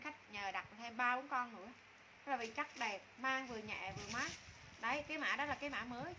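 In a small indoor room with curtains, a woman in her thirties sells clothes on a live stream, pitching items and calling out to customers with informal, repetitive patter. Her voice is a little high, and there's background noise.

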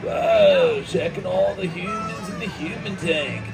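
A man voicing a laid-back surfer sea turtle, with drawling, excited surfer slang. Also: high-pitched, measured pace, creaky, heavily acted. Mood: stoked. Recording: heard from far off over loud music.

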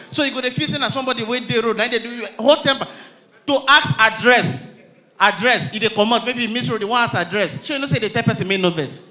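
A man with a Nigerian accent performing a stand-up comedy routine on stage, telling stories in a lively way and acting out the people in them. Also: extremely high pitch. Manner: lively storytelling, acting out characters.

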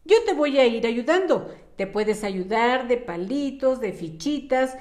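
A woman teaches young children over video, her voice sitting a little high and bouncing up and down in a sing-song classroom manner. She takes it slowly and patiently, drawing the words out for the kids. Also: animated, darkish tone. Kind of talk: online lesson for young children.

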